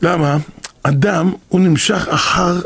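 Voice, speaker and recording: Raspy, gravelly older rabbi. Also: male voice, high voice, fairly even intonation, no echo. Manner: impassioned, often rising to shouts and repeating himself. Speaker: rabbi teaching a class. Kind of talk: emotional Torah lesson.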